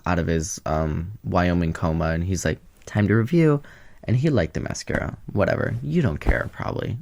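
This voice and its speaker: A young man with a slightly low voice chats to the camera in a loose, rambling way. He is sassy and quick to change topics, and he keeps it casual throughout. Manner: chatty, sassy, jumps between topics. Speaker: vlogger. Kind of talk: casual rambling vlog chat.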